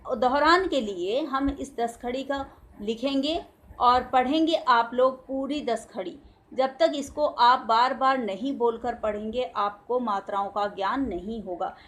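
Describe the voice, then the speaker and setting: High-voiced teacher drawing out syllables. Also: female voice, a bit bright. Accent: Indian Hindi. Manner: slow, drawn-out sounding of syllables for children to repeat. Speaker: school teacher. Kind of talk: recorded Hindi grammar lesson for young children.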